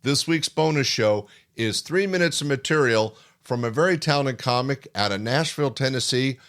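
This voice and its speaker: Male podcast host, mid-pitched. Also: expressive, normal speed, a bit bright. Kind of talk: scripted show introduction and sign-off.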